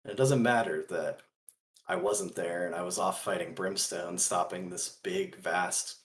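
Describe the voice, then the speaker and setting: A man playing a principled, earnest gunslinger in a tabletop role-play, speaking deliberately in halting phrases. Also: deep voice. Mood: earnest, resolute.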